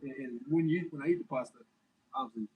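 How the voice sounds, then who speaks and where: A man's voice: a little high, animated, quick pace, creaky, recorded from a distance, narrow, tinny audio. A young adult man on a casual fitness livestream, reading viewer comments and answering them in a loose, chatty way.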